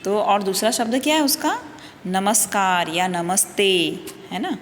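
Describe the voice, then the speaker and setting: Woman, teacher, slow patient explaining, question-and-answer style, reverberant room, faint background hum. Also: mid-range voice, expressive. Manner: often adds "okay" and "na" to check understanding. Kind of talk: worksheet lesson for young children.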